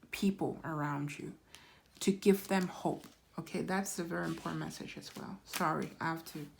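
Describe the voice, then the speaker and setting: A woman giving a pick-a-card tarot reading in an unhurried, reassuring way, often checking in with "right?" and filling pauses with "um". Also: lowish voice, gravelly, a little hiss or hum. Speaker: tarot reader.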